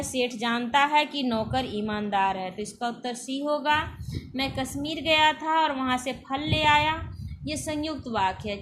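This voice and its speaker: A woman teaching a Hindi exam-preparation lesson, reading out questions and answer options in a measured way. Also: fairly high pitch, fairly bright tone, slight background noise. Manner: measured, reads options aloud one by one.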